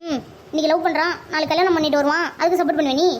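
A stubborn village mother in a cartoon, her voice squeaky and extremely high, as a woman voices her. She scolds in a fast, bitter torrent and will not be talked round. A faint hum of background noise sits behind her. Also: steady tone, lightly acted. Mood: defiant, angry. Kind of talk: animated family comedy-drama.

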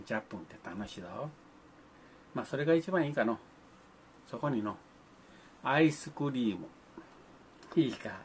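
A man's voice: medium pitch, slight background noise. An older man, talking to children in a folksy, grandfatherly way, with old-fashioned speech and playful sound effects. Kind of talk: folksy monologue to the camera.

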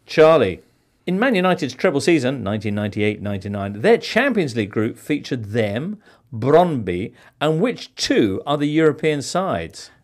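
A man hosts a podcast quiz, reading questions with playful theatrical flair. His voice sits at an ordinary pitch but rises and falls a lot as he goes. He sounds like a quizmaster who enjoys the show. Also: very animated, normal speed. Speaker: quiz host.

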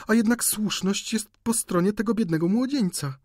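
A man's voice: high voice, moderate pace, darkish tone, no echo, studio quality, pitched above the performer's own voice. A man doing a timid pleading young girl. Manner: pleading, emotional. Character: timid tender-hearted young woman.

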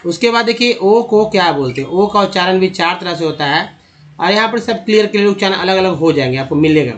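A man's voice: sits high, expressive, brisk, muffled recording. A man giving an English pronunciation lesson in Hindi, explaining patiently and often restarting or repeating himself as he addresses viewers as friends. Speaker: English teacher.

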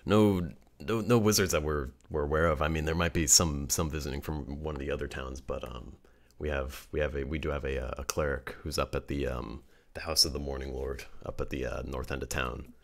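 A man's voice: extremely low pitch, fairly even intonation, brisk, vocal fry, few pauses. A man voicing a weary, mild male town guard who hesitates and repeats himself. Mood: helpful. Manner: hesitant, trails off and repeats words.

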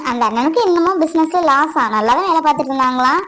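A woman playing an anxious young wife who has run away from home, speaking softly and pleadingly. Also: sits high, quick pace, poor audio. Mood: relieved. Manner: worried, pleading, soft. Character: anxious young runaway wife, self-blaming. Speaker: actor. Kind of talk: family comedy-drama acting.

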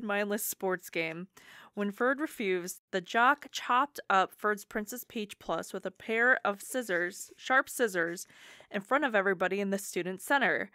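A woman co-hosting a comedy podcast, reading fan fiction aloud with animated storytelling. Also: mid-range voice, no echo. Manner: animated storytelling, breaks into laughter.

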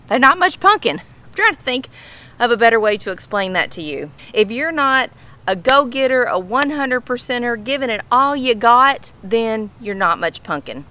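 A woman's voice: on the high side, bright, forceful tone. A middle-aged woman with a Kentucky Southern drawl, chatting casually outdoors to camera as she explains things in a folksy way, repeating phrases for emphasis. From Kentucky, United States. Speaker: vlogger explaining slang. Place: outdoors on a home pool patio.

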